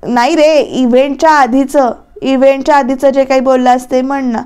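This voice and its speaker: A woman's voice: high voice, steady tone, moderate pace, a little mellow, clear, resonant tone, close to an everyday voice. A woman voicing a bubbly young girlfriend in a serial recap, coaxing and teasing her boyfriend, with English phrases mixed in.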